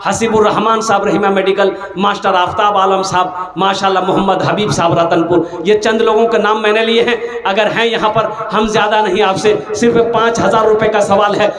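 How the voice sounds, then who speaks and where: A man's voice: high voice, steady tone, fairly quick, hardly any pauses, a bit bright, echoey room. A man preaching at a fundraising gathering, making rhythmic appeals and teasing jokes. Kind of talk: fundraising sermon with humor.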